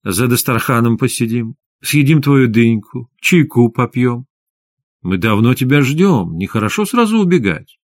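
A man reading an audiobook, voicing a calm, sly young woman in a soft, persuasive way. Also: mid-range voice, measured pace, no echo, studio quality, lightly acted. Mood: coaxing. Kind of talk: audiobook character voice.

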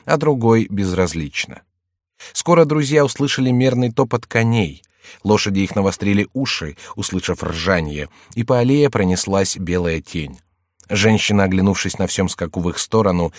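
Male narrator, audiobook reading, low voice, measured, dry close studio sound. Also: no echo. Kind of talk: scripted narration of a historical novel.

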